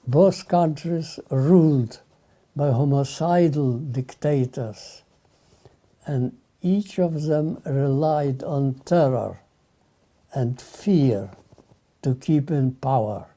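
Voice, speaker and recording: An older man from Lithuania, giving solemn spoken testimony in short, halting phrases. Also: mid-range voice, mellow.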